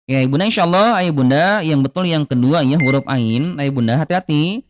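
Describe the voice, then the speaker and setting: A man's voice: a little high, background noise. Man teaching Quran recitation. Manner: patient, repeats Arabic sounds slowly as examples. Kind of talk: live online Quran reading lesson.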